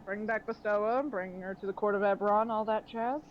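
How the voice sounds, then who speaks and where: A woman's voice: medium pitch, fairly even intonation, fairly quick, lo-fi sound, a little hiss or hum, natural voice. Woman playing a suave scheming man. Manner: smooth, theatrical, mock-polite. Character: suave scheming man bargaining over god shards. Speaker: game master.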